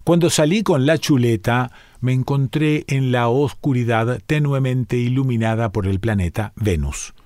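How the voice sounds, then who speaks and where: A man reading a short story aloud in a calm, measured narrating voice. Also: mid-range voice, dry recording, studio quality. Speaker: reader.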